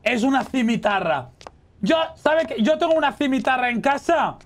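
A man playing a horror game as a streamer, chatting casually with his viewers, swearing and yelling at the scares. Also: extremely high pitch, moderate pace, a little hiss or hum. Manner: excitable, swears and shrieks at scares, talks to chat. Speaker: gaming streamer. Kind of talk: casual let's-play commentary.

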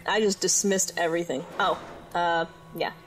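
A woman giving casual let's-play commentary while she plays, muttering to herself with quick frustrated outbursts. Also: fairly low pitch, fairly even intonation, poor audio. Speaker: gaming YouTuber. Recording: game music behind her voice. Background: game music.

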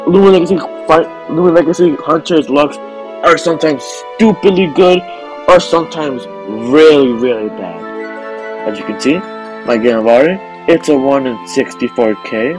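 Young man, gaming vlog narration, slightly high voice, casual storytelling, music underneath. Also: moderate pace, darkish tone. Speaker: gaming YouTuber. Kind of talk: recorded vlog voice-over. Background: background music.

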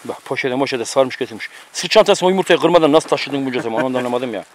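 This man rattles off rapid-fire, teasing orders to a friend as they cook outside on a mountain, a bossy, casual running commentary in a medium-pitched voice. A camera mic captures it.

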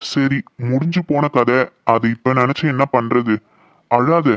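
A man voicing a gentle old village grandfather in a cartoon, speaking slowly and soothingly. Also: medium pitch, dry recording, lo-fi sound, close to an everyday voice. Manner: slow, soothing, consoling. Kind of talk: cartoon voice acting.

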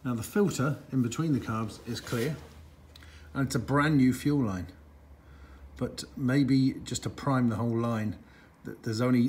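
A man's voice: mid-range voice, slight background noise. A man vlogging a motorcycle repair in his garage, thinking aloud and getting frustrated as he works. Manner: frustrated, muttering thoughts aloud. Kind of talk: talking to camera while working on a bike.

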